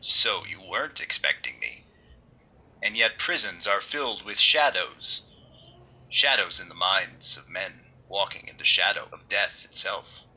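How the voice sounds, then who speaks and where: An actor playing an unseen, menacing, all-knowing vigilante with theatrical, ominous diction, in 1930s radio mystery style. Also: male voice, low-pitched, big pitch swings, a little slow, pushed and bright, husky, exaggerated voice, poor audio. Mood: sinister, mocking.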